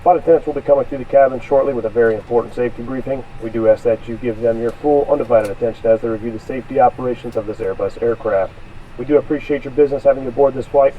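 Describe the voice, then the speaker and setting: A man playing a calm airline captain who welcomes passengers aboard in a formal announcement over the cabin loudspeaker from the flight deck. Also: mid-range voice, racing. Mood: courteous. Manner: polite, formal, routine. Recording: muffled, distant, with faint noise.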